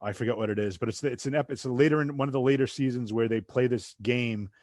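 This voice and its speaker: Talking quickly in a medium-pitched, darkish voice, this southeastern Massachusetts podcaster keeps his interview chat loose and digressive. His accent is light but loses R's at speed, and the studio recording is clean with no room sound.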